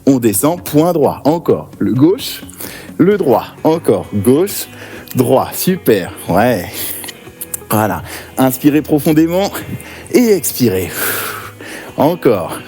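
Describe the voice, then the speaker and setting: Guy coaching a workout, voice bouncing up and down, dark mellow tone, bit of music behind. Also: medium pitch, slow, pauses often. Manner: energetic, encouraging counting and cues. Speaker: fitness coach. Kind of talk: guided workout class.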